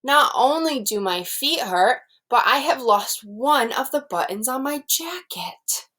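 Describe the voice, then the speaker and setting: A woman's voice: high voice, expressive, a little slow, bright, forceful tone, pitched above the performer's own voice, exaggerated voice. A woman voicing a grumpy, exasperated male toad from a children's storybook, complaining emphatically. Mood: annoyed.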